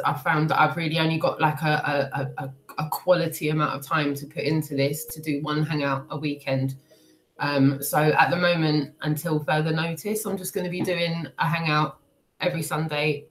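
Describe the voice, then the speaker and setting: A woman who sounds sick and bunged up, chatting casually and hesitantly to livestream viewers in an apologetic, rambling way. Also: deep voice. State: unwell, congested, bunged up with a cold and cough. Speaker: livestream host. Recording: clearly noisy livestream audio.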